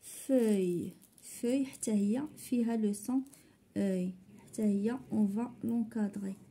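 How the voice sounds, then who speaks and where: A woman with a Moroccan accent walks young pupils through a French phonics lesson, explaining in Moroccan Arabic. She talks very slowly and says each word twice. Her voice is very dark and mellow with a husky edge. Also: mid-range voice. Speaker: primary school teacher.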